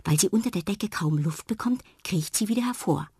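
Woman storyteller, children's story reading, calm, husky, dry close recording. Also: mid-range voice, fairly quick, dry recording.

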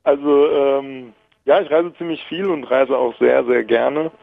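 A man's voice: mid-range voice, fairly even intonation, unhurried, creaky. Young man calling in, tinny phone line. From Berlin, Germany. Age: 20s. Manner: rambling, many fillers and restarts, easy laughs. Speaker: caller. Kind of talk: casual phone-in chat. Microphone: telephone.

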